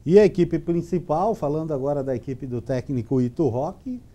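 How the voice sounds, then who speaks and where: A man's voice: fairly high pitch, brisk, warm tone. A man in his forties anchoring the news in a TV studio, giving upbeat scripted handoffs into a lapel mic.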